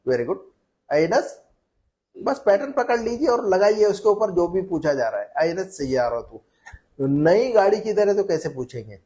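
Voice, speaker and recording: Man, teacher, language class drill, slightly high voice, patient, repetitive, encouraging. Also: big pitch swings, normal speed, dark tone. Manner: patient, repeats phrases for students to echo; encouraging, prompts students by name. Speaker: Arabic teacher.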